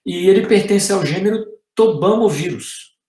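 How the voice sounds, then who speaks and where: A man's voice: high-pitched, moderate pace, darkish tone, reverberant. A middle-aged man with a Brazilian Portuguese accent giving a university lecture as a guest professor, explaining step by step and ending many sentences with "né?" or "tá?".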